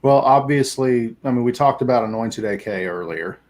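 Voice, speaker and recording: A man answering questions as a guest on a casual livestream, rambling, with restarts, trailing off softly and laughing often. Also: mid-range voice, moderate pace. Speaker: guest, small business owner. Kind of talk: casual interview chat.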